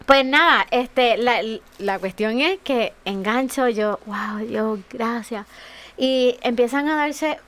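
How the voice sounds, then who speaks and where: A woman's voice: fairly high pitch, slow pace, few pauses, fairly bright tone, smooth. A woman, a guest telling an emotional personal testimony on a radio talk show, with many fillers. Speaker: guest author and speaker.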